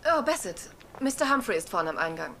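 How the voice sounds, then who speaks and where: An actress dubbing a young lady of the house who politely gives brisk instructions to a servant in a 1930s film drama. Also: mid-range voice, sing-song. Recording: hissy old film soundtrack.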